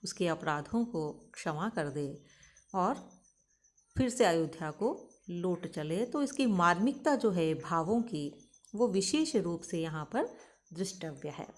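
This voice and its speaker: A woman's voice: on the low side, expressive, slow. A middle-aged woman teacher giving a lecture on a poem, explaining it step by step and addressing her students as children.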